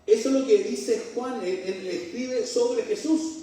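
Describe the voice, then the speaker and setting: High-voiced Chilean preacher in an echoey hall. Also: male voice, unhurried, mellow. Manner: asks the congregation rhetorical questions, joking asides. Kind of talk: sermon. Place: church hall. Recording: very echoey room, mic far off.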